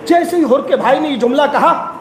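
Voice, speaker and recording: A man's voice: extremely high pitch, a faint crowd. A man preaching at a mourning gathering, chanting an emotional elegy, sobbing and rising to wails. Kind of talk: chanted Muharram elegy sermon. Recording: echoey hall with faint noise.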